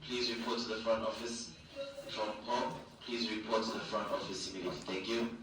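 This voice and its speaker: A man making a polite, formal announcement over a school intercom loudspeaker that interrupts the class and summons a student to the office. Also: lowish voice, little pitch movement, a little fast, background noise. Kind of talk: public address announcement. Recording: echoey loudspeaker heard from far off.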